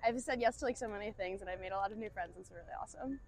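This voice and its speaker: A woman's voice: medium pitch, rapid-fire. A young woman, a freshman, answering a street interview in a bubbly way, saying "like" a lot. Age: young adult. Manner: bubbly, lots of "like". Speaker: freshman student.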